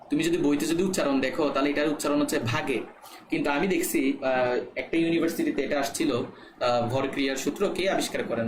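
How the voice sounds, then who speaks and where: Man, young adult, chemistry tutor, step-by-step explaining, checks on students, roomy echo. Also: a little high. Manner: explains step by step, checks students' comments, frequent "ঠিক আছে?". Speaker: chemistry teacher. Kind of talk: live online class lecture. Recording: echoey room with faint background noise.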